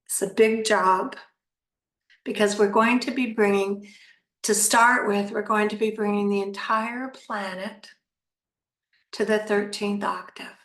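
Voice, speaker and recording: A woman guides a meditation at a very slow, soothing pace, leaving long pauses between short phrases. Her voice sits at a middle pitch. The sound is roomy, with noticeable echo around her words. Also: fairly even intonation, fairly bright tone.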